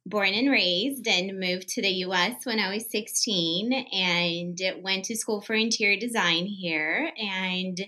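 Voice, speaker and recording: Bright, chatty woman. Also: medium pitch, takes it slowly, hardly any pauses, poor audio. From Brazil. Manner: chatty, many "like" fillers. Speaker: guest, staging company co-founder. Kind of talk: casual podcast chat.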